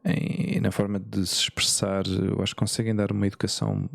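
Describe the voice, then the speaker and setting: A man's voice: lowish voice, monotone, a little fast, gravelly, no echo, studio quality. A man with a European Portuguese accent hosting a podcast, thinking aloud with hesitant restarts and frequent tag questions. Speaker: podcast host. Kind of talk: casual interview conversation.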